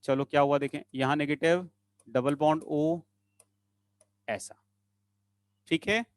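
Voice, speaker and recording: A man's voice: a little high, steady tone, takes it slowly, dry recording. A man teaching chemistry in an online class, coaxing students along and repeating short phrases in a sing-song way.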